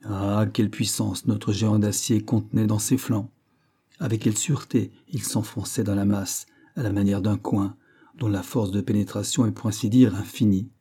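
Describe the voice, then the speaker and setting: Husky low-voiced male audiobook narrator. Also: flat delivery, normal speed, mellow. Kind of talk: scripted narration of a classic novel.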